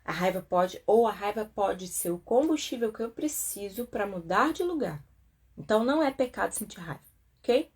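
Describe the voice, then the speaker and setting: A Brazilian therapist with a Brazilian Portuguese accent chats about a self-help book, often adding tag questions and acting out quotes. Her medium-pitched voice is expressive, darkish and slightly rough, and she speaks at a normal speed.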